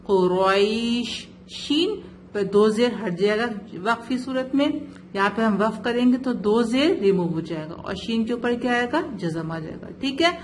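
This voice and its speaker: A woman's voice: a little high, animated, slight background noise. Patient woman teaching Quran recitation. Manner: patient, slow, spells out sounds and checks "ٹھیک ہے؟" often. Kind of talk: one-on-one recitation lesson.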